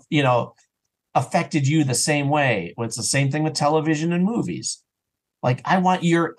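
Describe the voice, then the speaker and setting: This is casual, upbeat interview talk from a man guesting on a podcast, his voice a little high and full of animation. At points he drifts into imagined comments as though he were an audio drama creator.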